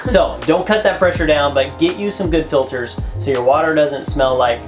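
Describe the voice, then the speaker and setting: A man's voice: on the high side, normal speed, music in the background. A man co-hosting a travel vlog, giving tips in a chatty, joking, emphatic way. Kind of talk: casual how-to chat.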